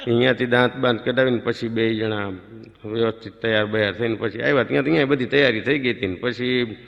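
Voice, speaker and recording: A man telling a lively, rustic comic story on stage and acting out the voices of the people in it. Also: medium pitch, fast talker, gravelly, dull audio. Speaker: stand-up comedian. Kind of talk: comic storytelling before a live audience. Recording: live stage recording in a reverberant hall.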